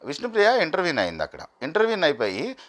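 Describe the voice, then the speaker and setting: A man's voice: on the high side, rapid-fire. A man giving argumentative commentary as a reality show reviewer. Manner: animated, argumentative, quotes contestants in acted bursts.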